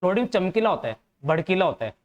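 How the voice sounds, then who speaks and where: A man's voice: sits high, big pitch swings, quick pace. Hindi-accented man teaching exam vocabulary. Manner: explains patiently, repeating key words and meanings. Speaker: English teacher.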